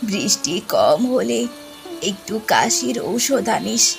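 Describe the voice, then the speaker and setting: A woman voicing a gentle, sorrowful old grandmother in a cartoon, talking in a slow, grieving lament. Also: medium pitch, sing-song, heavily acted. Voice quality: creaky, gravelly. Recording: music loud under the voice.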